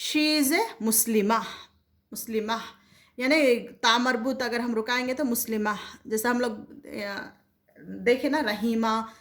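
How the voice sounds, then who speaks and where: Woman teaching arabic grammar, kinda high voice, asks questions then answers them herself. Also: a little slow, a bit bright. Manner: mixes English phrases into Hindi. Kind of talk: casual spoken lesson.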